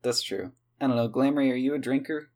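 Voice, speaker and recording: A man narrating as game master in a relaxed, filler-heavy way. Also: mid-range voice, a little fast.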